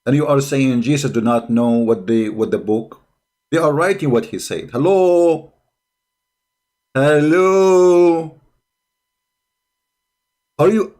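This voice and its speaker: Pitched fairly high and a little mellow, this man speaks English as a second language. As host of a religious debate channel, he offers sarcastic, combative reaction commentary and mocking polemic, returning again and again to rhetorical questions.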